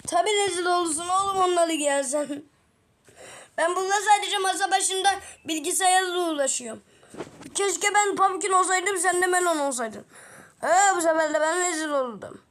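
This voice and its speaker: A woman voicing several characters in a game video, excitable and teasing, full of exclamations. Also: extremely high pitch. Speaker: gaming video creator.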